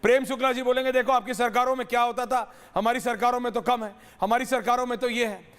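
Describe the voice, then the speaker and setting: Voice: mid-range voice, fairly even intonation, fast, a bit bright, smooth. A debate anchor moderating a heated news panel and cutting in on speakers, heard with a long, cave-like echo. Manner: assertive, cuts in on panelists. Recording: long hall-like reverb.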